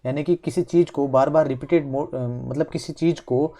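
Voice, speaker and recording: A man with an Indian English accent teaching English vocabulary in an online lesson. He explains word roots step by step in Hindi mixed with English and fills pauses with "theek hai". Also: a little high, fairly even intonation, mellow.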